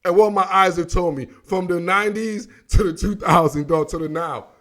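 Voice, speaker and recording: A man's voice: sits high, moderate pace, fairly bright tone. A man from Africa hosting a sports podcast, talking casually and animatedly in slang and laughing often.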